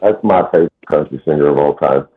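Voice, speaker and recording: A man in his late forties hosts a casual chat, relaxed and occasionally swearing. His rumbling low voice moves fast, coming through a tinny, phone-like line with a slight hiss or hum.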